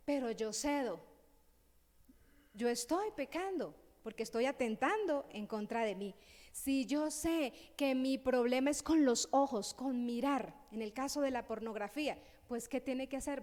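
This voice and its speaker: A woman preaching a teaching sermon, talking it over with her listeners and often checking in with a quick question. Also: high-pitched, darkish tone, in a large hall. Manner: conversational, asks "¿sí?" often.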